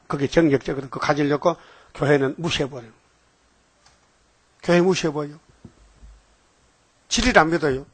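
A man's voice: on the high side, breathy edge, no room sound. An older man preaching a folksy sermon, telling homely stories and often asking the congregation "eh?" for agreement.

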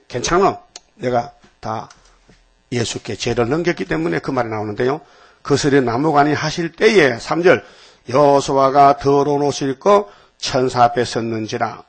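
Husky-voiced man preaching casually. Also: on the high side. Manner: folksy, chatty, asks listeners questions. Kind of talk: informal sermon to a small congregation.

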